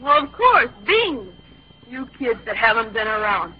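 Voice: medium pitch, very animated, a little slow. A performer playing a cocky, condescending teenage boy who shows off his maturity in an old-time radio comedy. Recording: dull lo-fi old radio recording.

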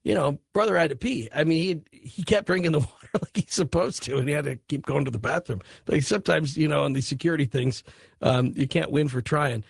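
A man's voice: fairly high pitch, brisk, gravelly, slightly rough, no room sound, studio quality. A man hosting a late-night call-in radio show, talking in a meandering way with many fillers and restarts. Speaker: radio talk show host.

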